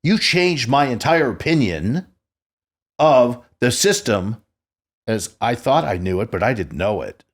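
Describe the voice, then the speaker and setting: Brief: man in his sixties, podcast host, middle pitch, brash swaggering storyteller with salty language. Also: very animated, measured pace. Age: 60s. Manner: boastful, profane storyteller. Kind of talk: casual podcast chat.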